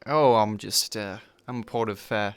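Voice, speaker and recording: Man doing a security guard, Australian accent, friendly, gravelly, fedora-wearing heavy. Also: fairly low pitch, unhurried, no echo. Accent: Australian, slipping toward Southern US.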